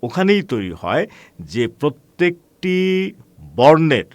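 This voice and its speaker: Lively-voiced male teacher lecturing students. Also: on the high side, dry recording. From Bangladesh. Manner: addresses students as friends, asks rhetorical questions; measured explaining with frequent hesitations. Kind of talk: online class lecture.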